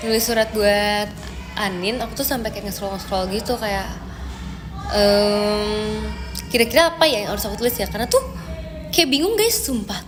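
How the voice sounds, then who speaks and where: A woman's voice: mid-range voice, big-room sound. A young woman chatting casually on a live stream, answering viewer comments with lots of fillers. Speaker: idol group member streaming live.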